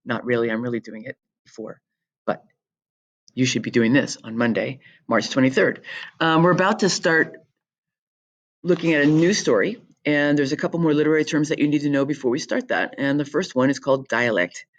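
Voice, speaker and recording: A woman teacher talking through a recorded lesson for her students in a chatty, jokey way, explaining with quick asides. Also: extremely low pitch.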